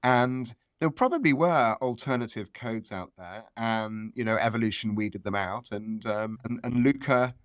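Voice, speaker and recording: A man speaking as an expert professor, explaining science conversationally in a measured way and repeating phrases for emphasis. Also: mid-range voice, no room sound, clean studio sound.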